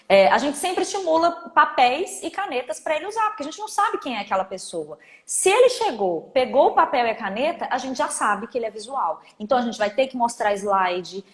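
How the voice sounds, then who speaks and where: Animated Brazilian woman teaching in an echoey room. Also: on the high side. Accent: Brazilian Portuguese. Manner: animated, emphatic, explains with everyday examples. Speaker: communication trainer. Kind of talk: live online training talk.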